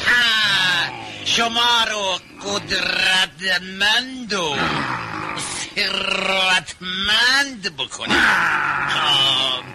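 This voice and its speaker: A smug, sly fox. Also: male voice, high-pitched. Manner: smug, coaxing. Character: sly cunning male fox. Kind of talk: children's radio play.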